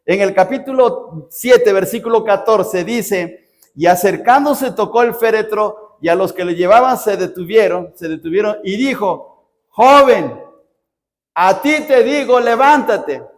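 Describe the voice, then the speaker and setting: A Mexican man preaching, pitched high for a man and firing off rhetorical questions to his congregation. His voice rings out with a long reverb from the church hall around him. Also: normal speed. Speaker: pastor. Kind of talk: sermon.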